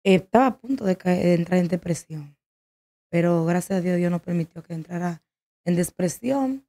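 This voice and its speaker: Emotional woman giving a halting testimony. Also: fairly low pitch, dark tone. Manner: halting, emotional, with many restarts. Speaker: guest sharing a testimony.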